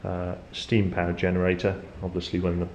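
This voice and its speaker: Low, flat-voiced man giving an informal tour. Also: a little fast. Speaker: tour guide. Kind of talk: informal explanatory tour narration. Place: inside a ship's engine room. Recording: echoey metal room, background hum.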